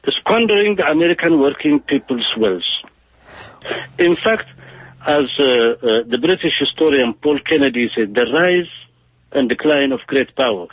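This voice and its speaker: A man giving impassioned political commentary in a halting, emphatic way, often restarting and filling pauses, heard over a lo-fi radio broadcast. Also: medium pitch, husky, no room sound.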